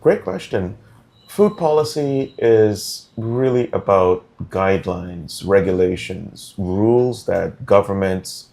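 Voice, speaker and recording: A deep-voiced man with a gravelly edge talks as a studio interview guest. He is middle-aged and from Guyana. He explains things slowly and deliberately, with frequent ums and uhs. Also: warm tone. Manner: measured, deliberate, many um fillers. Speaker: interview guest, food policy director.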